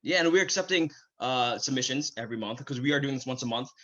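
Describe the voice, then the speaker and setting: A man's voice: medium pitch, lively intonation, quick pace, fairly bright tone, highs cut off. A man hosting an online performance event, speaking loosely with lots of fillers. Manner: loose and chatty, many fillers. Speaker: host. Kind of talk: casual hosting. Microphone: video call.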